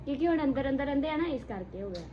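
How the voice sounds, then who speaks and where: A woman's voice: sits high, expressive, very fast, highs cut off, crowd noise. A woman chatting casually for a family vlog, often repeating herself for emphasis. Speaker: family vlogger. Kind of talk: casual home vlog chat. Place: at home and on its open rooftop. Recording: noisy handheld home recording.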